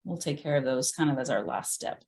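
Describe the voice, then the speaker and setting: A woman's voice: a bass voice, animated, a little fast, vocal fry, darkish tone. A woman leading a live virtual painting class, chatting and thinking aloud as she paints, often laughing at herself. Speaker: painting instructor. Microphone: video call.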